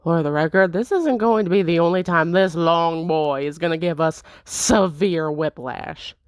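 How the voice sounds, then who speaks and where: Young woman, let's play host, casual wry commentary, lowish voice, dry close mic. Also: normal speed, dry recording. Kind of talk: game commentary and narration.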